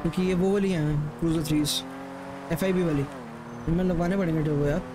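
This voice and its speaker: A man's voice: fairly high pitch, steady tone, fast talker, noisy background. A man playing a police captain in a game role-play. He uses clipped radio codes and easygoing banter. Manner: clipped radio codes, easy banter mixing Hindi and English.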